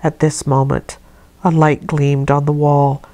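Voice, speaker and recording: A woman narrating a classic novel in a measured, expressive reading. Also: deep voice. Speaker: audiobook reader. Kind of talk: scripted narration.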